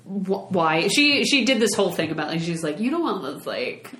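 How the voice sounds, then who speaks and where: A woman in her late twenties co-hosts a casual podcast, speaking at a normal speed in a lowish, sing-song, slightly bright voice with a roomy sound. Her chatty style has her often restarting sentences and trailing off.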